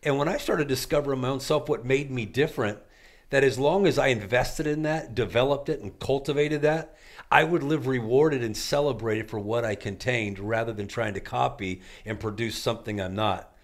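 A man talking as an author and life coach guest, with an energetic, preacher-like delivery and punchy repeated phrases. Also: medium pitch, moderate pace. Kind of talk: motivational interview talk.

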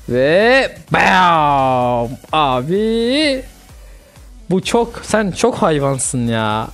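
A young man with a somewhat high voice talks through his mobile gameplay in loose, chatty commentary. He reacts out loud to every move. Faint game music plays underneath. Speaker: gaming channel host.

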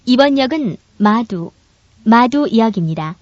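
A woman delivers formal train station announcements in a high, very melodic voice. Her phrasing is courteous and scripted. The recording is dry and somewhat muffled, like an archived lo-fi tape. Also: animated, unhurried, a little mellow, no room sound.

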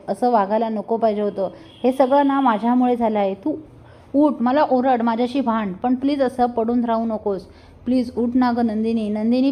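A woman's voice: fairly high pitch, lo-fi sound, close to an everyday voice. A woman reading the lines of a remorseful, protective young husband, in a pleading and firm manner. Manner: pleading, then stern and protective.

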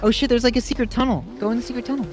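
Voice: medium pitch, fairly even intonation, racing. A companion chatting casually while watching someone play a game. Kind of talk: casual chat. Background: game music.

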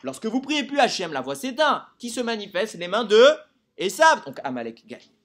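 Animated man teaching a Torah lesson. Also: high-pitched, moderate pace. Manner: animated, quizzes listeners with rhetorical questions. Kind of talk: live Torah lesson to a group.

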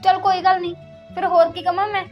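A woman's voice: very high voice, level tone, fast, muffled recording, soft background music. A woman playing a defiant, taunting young wife. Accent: Punjabi. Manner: taunting, defiant, loud threats. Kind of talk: rural village drama acting.

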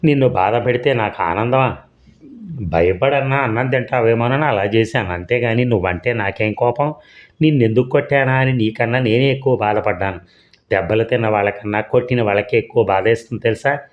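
A man's voice: mid-range voice, a little fast, natural voice. A man voicing a hot-tempered young husband in a storybook reading, speaking in a regretful, pleading way. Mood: remorseful. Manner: coaxing, then regretful and pleading. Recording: dull lo-fi recording.

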